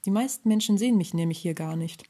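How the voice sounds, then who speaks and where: Lady reading a story doing a shy talking fir tree, soft rustly voice, dark and mellow, polite. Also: lowish voice, fast talker, husky. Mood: friendly. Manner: polite, pleading.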